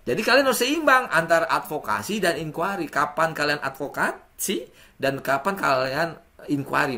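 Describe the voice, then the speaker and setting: A man lecturing a class in an animated way, his pitch leaping up for emphasis and dropping low when he acts out sample messages. His voice has a gravelly edge with a bright, forceful tone.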